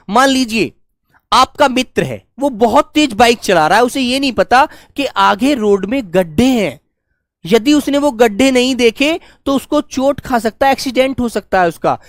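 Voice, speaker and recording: A man's voice: extremely high pitch, no room sound. A man teaching an online class who keeps addressing his pupils as dear children and checks in with "okay" again and again. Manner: acts out loud calls to demonstrate.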